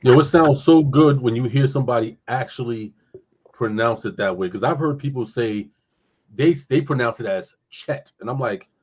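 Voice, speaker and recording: A man in casual talk, explaining scripture animatedly and pausing often with fillers while he looks for words. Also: medium pitch, darkish tone. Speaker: co-host discussing scripture. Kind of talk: casual discussion. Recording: dull lo-fi sound.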